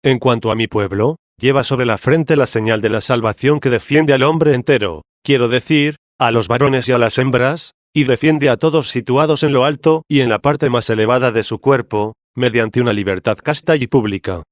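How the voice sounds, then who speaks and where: Audiobook: a man voicing the Church as a stern queenly woman, mid-pitched, solemn and reproving, dry close mic. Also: moderate pace, hardly any pauses, no echo, lightly acted. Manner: solemn, reproving debate reading. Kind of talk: audiobook reading of a theological dialogue.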